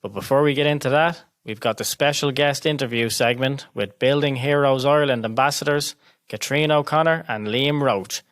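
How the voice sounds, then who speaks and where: A man's voice: medium pitch, normal speed, a bit bright. A man co-hosting an interview podcast, reading the intros and asking the guests questions in a friendly way. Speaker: podcast co-host. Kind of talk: semi-scripted podcast hosting.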